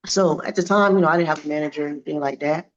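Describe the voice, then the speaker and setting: A woman in her fifties, a boxer being interviewed, telling stories in a lively, animated way and acting out what people said. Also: sits low, rapid-fire, muffled recording, slight background noise. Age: 50s. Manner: animated, acts out quoted dialogue. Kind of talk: casual interview storytelling.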